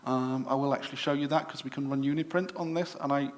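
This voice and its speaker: A man's voice: medium pitch, fairly even intonation, quick pace. Chatty English man demoing at a show. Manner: chatty, with frequent fillers and self-corrections. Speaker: presenter at a computer club show. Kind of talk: live product demonstration to an audience. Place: exhibition room at a club show.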